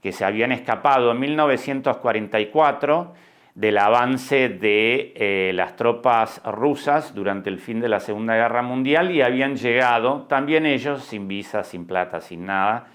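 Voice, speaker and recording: A man in his sixties with an Argentine accent, hosting a podcast and telling his own story in a reflective way, with many pauses and hesitations. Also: mid-range voice, a bit bright. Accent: Argentine Spanish. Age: 60s. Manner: slow, reflective, with frequent hesitations. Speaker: podcast host and documentary director. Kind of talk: personal podcast monologue.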